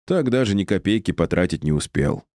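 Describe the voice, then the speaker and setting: A man voicing a cheeky young office clerk who flatters and bargains. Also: low-pitched, dry recording, studio quality. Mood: wheedling. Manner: flattering, wheedling, quick to bargain.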